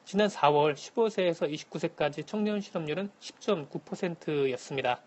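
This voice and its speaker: A man calling in to a radio show as a correspondent, giving a formal, scripted economic briefing in a measured manner. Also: a little high, a little mellow, highs cut off. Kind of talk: scripted news briefing, answering by phone. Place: phone link to a radio programme.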